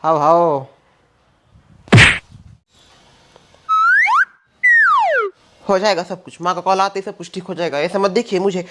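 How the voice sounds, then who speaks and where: A man's voice: high voice, quick pace, lightly acted. A man playing a naive, chatty young daughter-in-law in a comedy sketch. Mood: defensive.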